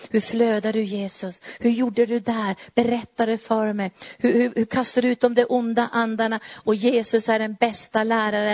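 A woman's voice: fairly high pitch, no room sound, highs cut off. A woman preacher and Bible teacher giving a fervent sermon, full of rhetorical questions and repetition.

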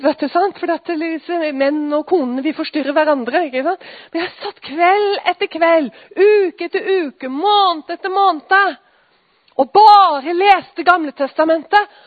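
A woman's voice: extremely high pitch, dry recording. A woman giving an earnest, emotional personal testimony, at times dropping to a whisper. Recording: dry, phone-like sound.

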